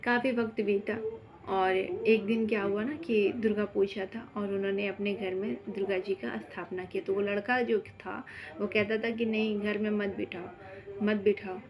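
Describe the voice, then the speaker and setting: A woman's voice: medium pitch, steady tone, moderate pace. Woman telling a ghost story casually. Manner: conversational, with fillers and rhetorical questions. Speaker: storyteller on a spiritual channel.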